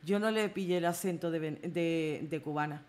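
A woman hosting a casual live stream, lively and teasing, often exclaiming and laughing. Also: sits low, normal speed.

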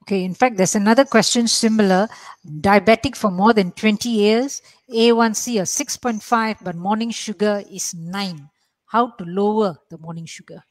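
A woman's voice: mid-range voice, normal speed, no room sound. Woman moderator reading questions. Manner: reads out questions plainly. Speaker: webinar moderator.

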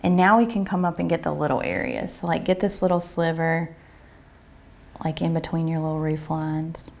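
A woman, giving a relaxed, chatty step-by-step painting tutorial at home, talking as she paints. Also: deep voice, moderate pace, creaky. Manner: relaxed, chatty, thinks aloud while painting. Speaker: painting instructor. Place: home room with a painting easel.

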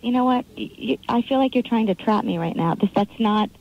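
A woman's voice: on the high side, fairly quick, gravelly. A woman on a clipped phone line, answering a prank call and arguing back defensively. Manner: defensive, argumentative, interrupts. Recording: muffled phone line with faint hiss.

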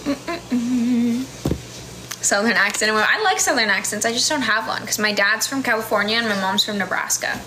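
A woman in her twenties with a General American accent hosts a casual livestream from a small indoor room in the United States, reading viewer comments with lots of laughs and fillers. Her voice sits on the high side at a moderate pace. A phone camera picks her up close, with noise in the background.

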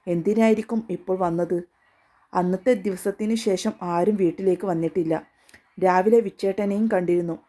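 A woman storyteller reading a serialized romance story aloud in an even, steady manner. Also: on the low side.

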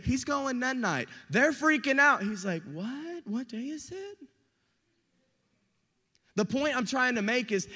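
Bright-voiced young man preaching in a hall. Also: high-pitched. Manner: animated, acts out quotes and stories with big swings in loudness. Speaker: youth pastor. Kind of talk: sermon. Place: church hall. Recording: reverberant hall.

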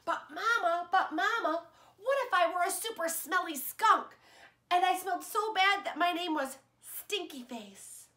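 A woman's voice: very high-pitched, a little slow, voice pushed up, exaggerated voice. A woman voicing a small child who eagerly and insistently pleads with Mama, in a roomy-sounding recording. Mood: eager pleading. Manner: excited, insistent questioning. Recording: roomy echo.

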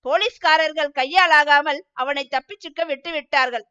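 A woman's voice: sits high, moderate pace, sharp tone, lo-fi sound. A woman voicing a boastful older male temple clerk who begs and sobs for his life, in a storybook reading. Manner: pleading, sobbing.

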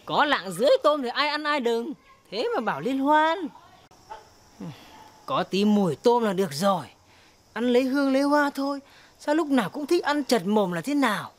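A woman playing a brash, sharp-tongued village wife who scolds bluntly, outdoors at a market. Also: a little high, sing-song, normal speed. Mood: scolding. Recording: outdoor street with crowd and traffic noise.

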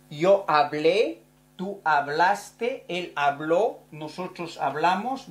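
A woman in a recorded grammar lesson talks in a lowish voice. She moves at a very slow, deliberate pace. Each verb form gets laid out carefully for learners to follow. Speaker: Spanish teacher.

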